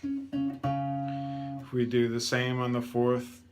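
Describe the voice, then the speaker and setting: A man's voice: medium pitch, sing-song, very slow, a little mellow. A man teaching a guitar lesson, patiently counting out scale steps aloud. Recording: guitar playing between lines.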